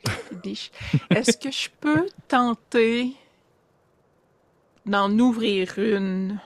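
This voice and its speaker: A woman's voice: on the high side, drawn-out words, no room sound. Chatty woman at a game table. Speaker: player. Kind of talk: tabletop role-play talk.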